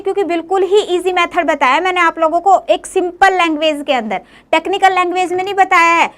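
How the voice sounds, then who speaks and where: A woman teacher giving a classroom lecture, often coaxing her students with questions as she goes. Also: very high-pitched. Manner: coaxing, often asks "clear, beta?".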